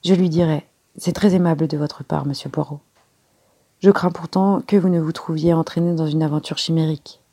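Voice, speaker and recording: A woman's voice: sits low, fairly even intonation, fairly quick, warm tone. A woman reading a poised young secretary. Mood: polite. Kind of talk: audiobook character reading.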